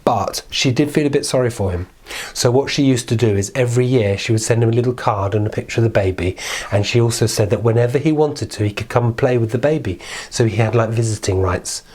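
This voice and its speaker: This children's storyteller speaks quickly at a medium pitch, his voice a little mellow with a breathy edge. His fairy tale is informal and made up as he goes, playful and chatty, with words repeated for emphasis.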